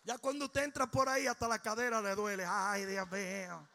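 A male pastor, preaching a humorous sermon that swings from shouting to low, joking storytelling. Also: flat delivery, normal speed, gravelly.

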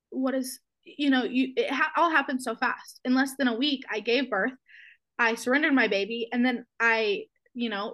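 A young woman, a podcast guest, telling a personal story in a halting, emotional way, with many fillers and restarts, close to tears. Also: a little high, fairly bright tone.

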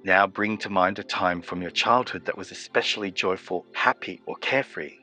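A man guiding a meditation, giving slow, soothing, evenly paced instructions. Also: sits low, bright, forceful tone, faint music behind. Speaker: meditation guide. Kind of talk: guided meditation.

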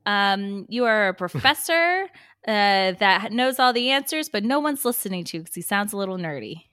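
A woman co-hosting a podcast, chatting casually with a friend and laughing easily. Her voice sits at an ordinary middle pitch. She is recorded close and dry, with almost no room sound. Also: lively intonation, normal speed, pushed and bright, clear, resonant tone, no room sound. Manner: chatty, giggly, trails off mid-sentence. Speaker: podcast co-host. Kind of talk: casual chat.

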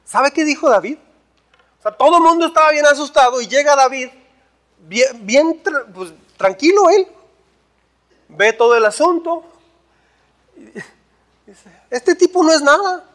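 A male pastor preaching a lively sermon, full of rhetorical questions and acted-out dialogue. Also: extremely high pitch, unhurried, long pauses.

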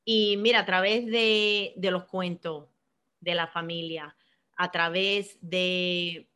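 Her voice sits on the low side, bright and forceful, with fairly even intonation and a slow pace. As a middle-aged finance professional born in Cuba and raised in Miami, she responds to the interviewer earnestly and reflectively, often doubling back on words while hunting for the next one.

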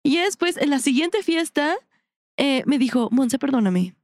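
A woman's voice: high voice, moderate pace, slight background noise. Mexican woman telling a candid story. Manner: candid storytelling, slangy and profane, often laughing. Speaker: podcast co-host. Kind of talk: casual chat.

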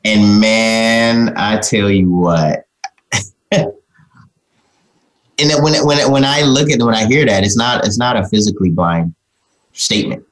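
A man's voice: on the low side, expressive, a little slow, long pauses, soft background music, rough recording. A man speaking as an interview guest in an informal, folksy way, often dropping in "man" and "you know". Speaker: interview guest, communication trainer and author. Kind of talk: casual interview talk.

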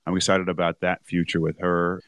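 A man co-hosting a rugby podcast, rambling and correcting himself, a little hoarse as he is losing his voice. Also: deep voice, little pitch movement, brisk, a bit bright, no room sound. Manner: rambling, self-correcting, chuckles often. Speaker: podcast co-host. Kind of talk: casual rugby chat.

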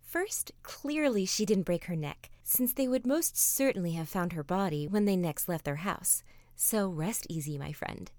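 Soft-spoken woman reading a bedtime story. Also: fairly low pitch, animated, a little slow, no room sound, studio quality. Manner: soft-spoken, often dropping to a whisper.

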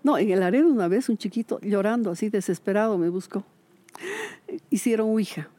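A woman, a retired teacher chatting in an interview and telling lively stories. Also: mid-range voice, fairly quick, no room sound. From Bolivia. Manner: lively storyteller, acts out quoted voices, laughs often. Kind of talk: casual interview chat.

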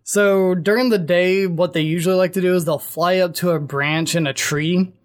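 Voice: medium pitch, fairly even intonation, normal speed. Chatty host reading monster lore. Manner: chatty, reads passages aloud with fillers. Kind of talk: casual chat.

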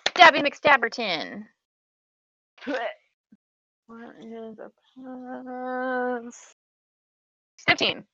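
A woman playing a tabletop game, lively and playful, sometimes speaking in character. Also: sits high, extremely slow, pauses often, dry recording, lo-fi sound. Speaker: player. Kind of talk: tabletop role-play, casual chat.

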